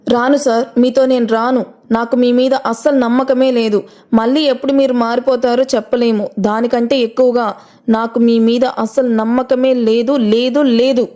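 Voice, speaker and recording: A woman's voice: a little high, little pitch movement, normal speed, warm tone, lightly acted. A woman voicing a hurt, defiant young mother. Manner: firm, reproachful.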